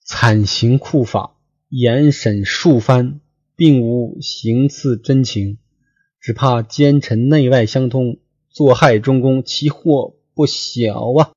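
Grieving court lady from a storybook, read by a man, pleading and drawn-out, muffled lo-fi sound. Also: medium pitch, a little mellow, husky, dry recording, pitched above the performer's own voice. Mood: urgent pleading. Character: grieving imperial consort, high-ranking woman.

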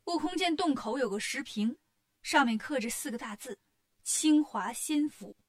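A woman narrating a classic storybook tale for children in a lively, expressive way. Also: sits high, moderate pace.

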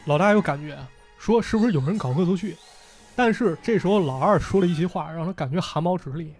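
Lively higher-voiced male storyteller. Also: fast talker, faint music behind. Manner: lively retelling, voicing characters in quotes. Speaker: podcast host. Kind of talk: casual storytelling.

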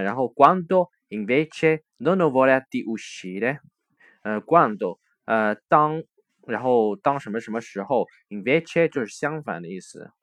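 A man teaching a recorded language lesson, explaining step by step with frequent hesitations and slowly repeating words to spell out forms. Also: mid-range voice, dry recording.

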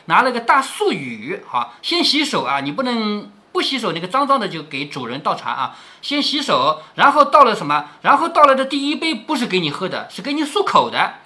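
Middle-aged guy reading an old novel to his kid, bright lively voice, keeps stopping to explain stuff. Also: high-pitched. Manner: chatty explainer, asks rhetorical questions. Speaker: storyteller reading a classic novel to his daughter.

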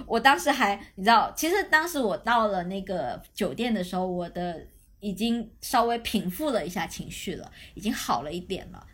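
A young adult woman co-hosting a podcast, telling a story in casual chat, animated and laughing often. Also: medium pitch. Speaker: podcast co-host.

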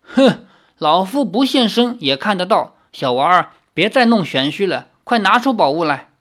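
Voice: mid-range voice, big pitch swings, moderate pace, a bit bright. A storybook narrator voicing a sly, cold old male tree-demon hermit who speaks in a mocking, chuckling way. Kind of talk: audiobook reading.

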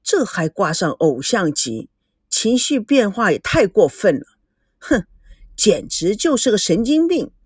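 A woman's voice: mid-range voice, very animated, unhurried, slightly rough, no room sound, studio quality, pitched below the performer's own voice. A woman voicing a polite, jovial middle-aged businessman. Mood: grumbling. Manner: polite, then grumbling.

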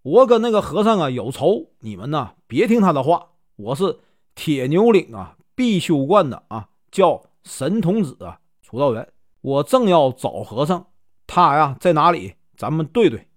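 A man voicing a hot-tempered male Taoist priest in a told folk tale, speaking indignantly and shouting. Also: fairly high pitch, sing-song, moderate pace, no room sound, studio quality.

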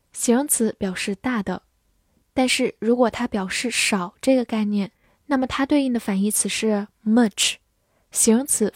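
Lady teacher going over english words real slow, spelling stuff out, dry close sound. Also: on the high side, darkish tone, no room sound. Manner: patient, spells words letter by letter. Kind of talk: vocabulary lesson, slow model readings.

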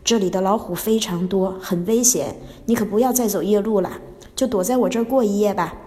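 A woman's voice: medium pitch, fairly quick, big-room sound, close to an everyday voice. A woman voicing a kindly, cautious male hunter who warns a traveller in a plain, friendly manner. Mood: cautioning. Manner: hushed warning, then plain and friendly.

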